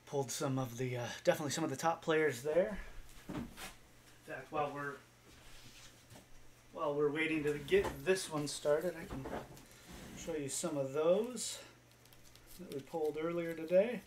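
A man's voice: on the high side, normal speed, long pauses, darkish tone, slight background noise. A man hosting a card-break livestream, chatting casually with viewers in an easygoing way with lots of fillers.

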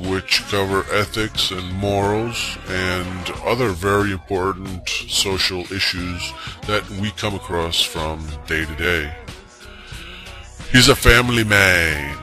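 A vlogger in his forties addresses viewers in a slow, wry monologue. His voice has been altered into a disguised deep voice.

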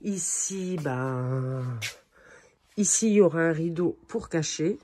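Walking from room to room indoors, a middle-aged woman gives an informal, chatty house tour to camera. Her voice is low and warm with lively intonation, she takes her time, and she speaks to her pet in passing. There is slight background noise.

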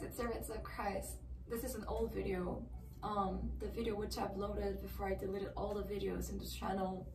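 A young woman from Korea speaks earnestly and softly to camera, at times dropping to a breathy near-whisper. Her delivery stays level, with little rise and fall. The small indoor room sounds roomy and a bit distant, with steady hiss underneath. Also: medium pitch. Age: young adult. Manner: soft, earnest, sometimes breathy. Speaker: channel host. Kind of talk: devotional video message. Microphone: phone camera close to her face.

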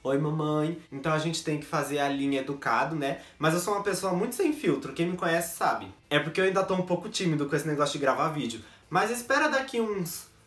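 A man's voice: a little high, fairly quick, fairly bright tone. Chatty young man in an echoey room. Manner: jokey, chatty, self-mocking. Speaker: YouTuber. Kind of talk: casual vlog chat to camera. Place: bedroom set at home. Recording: echoey room, basic camera mic.

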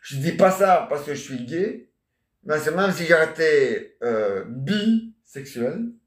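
Taking it slowly, a man with a slightly high, expressive voice rambles through an improvised comic monologue as an amateur solo performer. He keeps answering imagined listeners and tacking on questions, peppering everything with "hein?" and "ah ouais"; the room sounds echoey.

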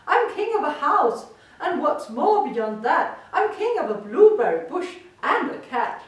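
A woman's voice: on the high side, fairly bright tone, exaggerated voice. A woman voicing a boastful male turtle king who bellows and gloats. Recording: echoey room from far off.

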